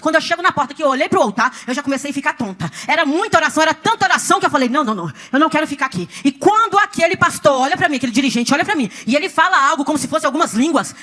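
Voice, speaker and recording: A woman tells her story at a church service as a dramatic testimony, with a high, bright voice. She talks quickly and with emphasis, and acts out the voices of the people she quotes.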